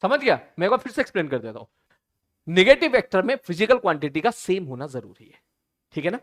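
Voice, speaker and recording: Very animated and high-voiced, a man gives an online physics class in a casual tone. He often asks if students are keeping up and drags out important sentences slowly for emphasis.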